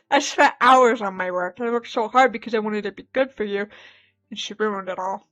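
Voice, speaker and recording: A woman's voice: mid-range voice, normal speed. A woman streamer reading a dating game's text aloud and reacting with laughing asides. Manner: animated, laughing asides between read lines.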